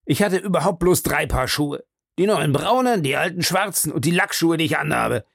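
A man voicing an angry middle-aged country gentleman who rants fast, in a broad West Country dialect. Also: fairly high pitch, expressive, creaky, slightly rough, dry recording, studio quality, voice pushed up, full character voice. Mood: furious. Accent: broad West Country dialect (as told). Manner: furious, fast, shouting complaints.

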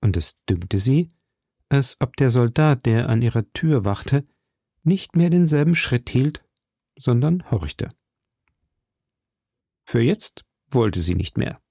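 A man narrating a classic novel as an audiobook, in a steady, measured reading. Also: medium pitch, no echo, studio quality.

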